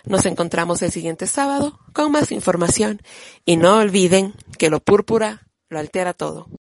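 A woman radio host reading a scripted program in a steady, formal way. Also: mid-range voice, normal speed, a little hiss or hum.

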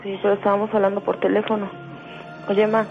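A woman's voice: mid-range voice, monotone, fast, lo-fi sound. A young woman on a radio prank call, giving short, hesitant replies. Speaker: prank caller, the woman's daughter. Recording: radio broadcast with music behind.

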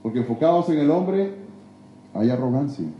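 A man preaching a sermon in a church, emphatic, swinging between loud exhortation and hushed confession. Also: a little high, expressive, normal speed, highs cut off, a little hiss or hum. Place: church sanctuary. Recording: echoey church hall.

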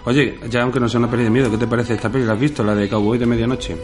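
A man from hosting a casual chat about films, relaxed and talking straight to his listeners. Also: mid-range voice, rapid-fire, music in the background. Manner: relaxed, chatty, addresses listeners. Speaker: podcast host.

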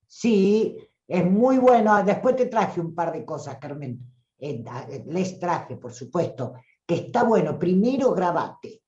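A woman with a Rioplatense Spanish accent, a voice coach giving an animated live-streamed talk who acts out voices and calls listeners "tribu". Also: lowish voice, takes it slowly, echoey room, muffled recording.

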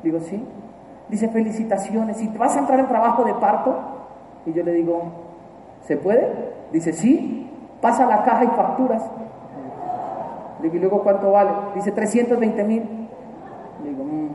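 A Colombian man telling a funny personal story to a live audience in a large hall, animated and emphatic and repeating key phrases. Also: sits high, normal speed, pauses often, slight background noise. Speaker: motivational speaker. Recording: echoey hall from far off, faint ambience.

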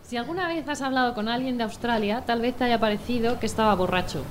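A woman's voice: a little high, fast, a little hiss or hum. A woman reading a comic news story in a dry, wry tone. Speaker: comedy news contributor.

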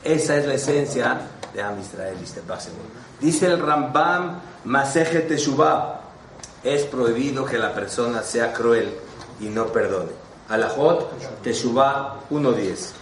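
A man preaches as a rabbi, telling animated stories and asking his listeners questions. His voice comes from some distance away in a roomy, echoing space. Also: medium pitch, a little slow, a little hiss or hum. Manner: animated, storytelling, asks the audience questions. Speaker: rabbi teaching a class. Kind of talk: sermon with stories and rhetorical questions. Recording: echoey room, mic at a distance.

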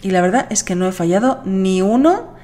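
A woman's voice: medium pitch, animated, moderate pace, warm tone. A tired woman hosting a solo podcast, talking casually to her listener and acting out other people's replies. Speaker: podcast host.

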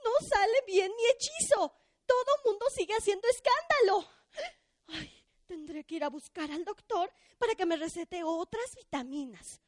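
A frazzled city witch, voiced by a woman storyteller, high-pitched and dramatic as she frets and exclaims. She fusses at everything around her. The sound is close and dry. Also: lively intonation, normal speed, no room sound. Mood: fretful. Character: frazzled female city witch, stressed, fussing.

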